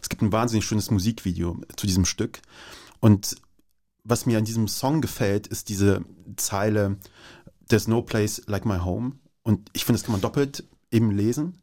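A man's voice: fairly low pitch, moderate pace, mellow. A man from Afghanistan talking as a radio guest, enthusiastic and thoughtful in turn. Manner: enthusiastic, then thoughtful and reflective. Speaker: studio guest. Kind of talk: casual radio conversation.

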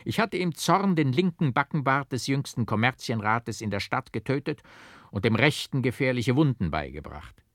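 A man's voice: mid-range voice, sing-song, normal speed, fairly bright tone, dry recording, studio quality, voice pushed up. A man voicing a foolish, flamboyant barber who talks in flowery, mock-dramatic phrases in an audiobook. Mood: grandiloquent. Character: foolish, flamboyant male barber, theatrical and whimsical. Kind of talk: audiobook character voice.

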